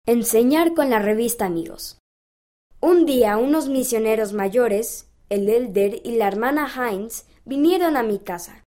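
A woman reading aloud a children's magazine story as scripted narration, in a calm, even storybook manner. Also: fairly high pitch, unhurried.

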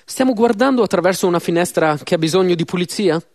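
A man's voice: sits high, expressive, darkish tone. Earnest man interpreting a sermon. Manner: measured, earnest, with slow pauses. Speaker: interpreter of a church address.

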